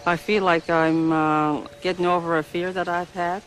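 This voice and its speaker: A middle-aged woman, a mother, telling an interviewer about a frightening experience, hesitant with frequent pauses and restarts. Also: lowish voice, level tone, a little hiss or hum, low-quality recording. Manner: hesitant, many fillers and restarts. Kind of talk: emotional personal account.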